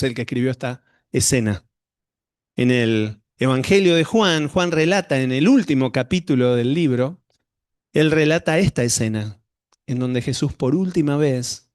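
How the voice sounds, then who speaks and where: A man's voice: mid-range voice, no echo, clean studio sound. A middle-aged male pastor, telling a personal story to his congregation in a conversational sermon.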